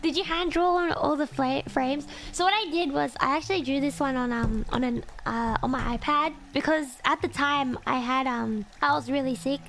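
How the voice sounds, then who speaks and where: A woman's voice: high voice, moderate pace, few pauses, a bit bright, a little hiss or hum. A young woman chatting casually on a livestream in a cute, girlish anime-streamer manner, close on the mic. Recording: music playing behind the voice.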